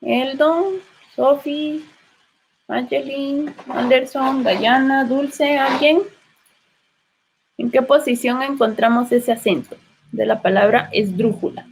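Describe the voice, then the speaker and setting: A woman's voice: high voice, steady tone, takes it slowly, creaky, slight background noise. A woman with a Guatemalan Spanish accent teaching literature in an online class, patiently prompting students with questions.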